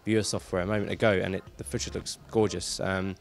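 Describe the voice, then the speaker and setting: Brief: enthusiastic male interviewer, brisk and slightly gravelly. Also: deep voice, level tone, soft background music. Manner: enthusiastic, upbeat. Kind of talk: casual interview questions.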